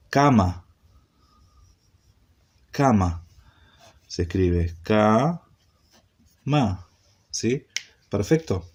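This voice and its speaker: A man teaching an introductory Hebrew class, speaking slowly and repeating points, often checking in with a questioning "¿sí?". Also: fairly low pitch, darkish tone. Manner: slow, repetitive, checks in with frequent "¿sí?". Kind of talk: classroom lecture.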